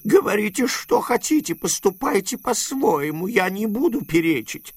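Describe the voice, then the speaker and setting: A man voicing a frightened, miserly old uncle who whines and blusters in a high, jumpy voice. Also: very animated, a little mellow, breathy edge, no echo, exaggerated voice. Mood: nervous, blustering. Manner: shrill, pleading, quick to bluster.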